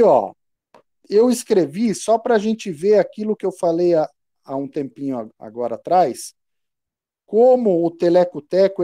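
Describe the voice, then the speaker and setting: A man's voice: fairly high pitch, dark tone, dry recording, clean studio sound. A man with a Brazilian Portuguese accent teaching percussion online, explaining patiently and chanting rhythm syllables aloud. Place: home room.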